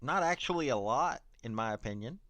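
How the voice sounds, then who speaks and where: A man talks through official reports in blunt, casual commentary, dropping sarcastic asides between the dry passages he reads. His voice sits at an ordinary middle pitch. It is close to the mic in a dry space with no room echo. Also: lively intonation, fairly quick, a bit bright. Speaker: commentator on prison investigations. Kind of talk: opinionated commentary reading reports aloud.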